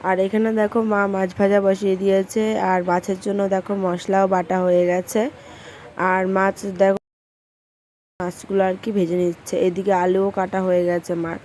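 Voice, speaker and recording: Hoarse chatty woman vlogging at home. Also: medium pitch, little pitch movement, normal speed, darkish tone, a little hiss or hum. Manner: chatty, talks to viewers directly. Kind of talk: casual vlog narration.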